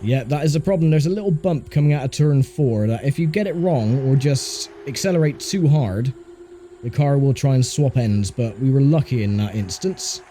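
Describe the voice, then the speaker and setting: Mellow-voiced man doing casual gameplay commentary. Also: mid-range voice, expressive, normal speed. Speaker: gaming commentator playing a racing game. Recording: faint car engine noise behind voice. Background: racing game engine sound.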